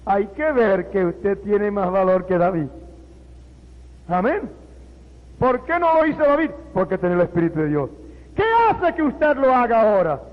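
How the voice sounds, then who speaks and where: A man, firing off rhetorical questions and amens. The sound is dull and muffled, carried on a long hall reverb. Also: extremely high pitch. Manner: emphatic, rhetorical questions, repeated amen. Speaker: preacher. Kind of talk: sermon.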